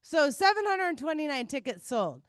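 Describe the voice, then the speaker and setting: A woman's voice: high-pitched, big pitch swings, normal speed, no room sound, clean studio sound. A woman hosting a live raffle, announcing ticket numbers like a raffle caller with playful, chatty exclamations. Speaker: meeting host running a raffle.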